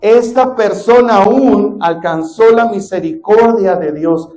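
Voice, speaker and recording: A man preaching a sermon as pastor in a church, swinging between loud stresses and hushed drops and asking the congregation questions. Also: sits high, slow, faint music behind.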